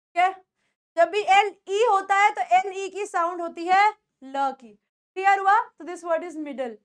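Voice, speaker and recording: Slow, high-voiced woman teaching. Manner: drills words by repeating them and asks students checking questions. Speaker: English pronunciation teacher. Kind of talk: classroom lesson.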